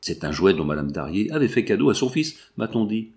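A man voicing a calm, watchful male painter who explains things in a measured, deliberate way. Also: lowish voice.

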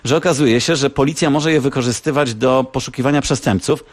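A man's voice: mid-range voice, brisk, dry recording. A man reporting as a radio correspondent, explaining things at length with hesitant fillers and restarts. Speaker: radio correspondent in the United States. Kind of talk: phone-in radio chat.

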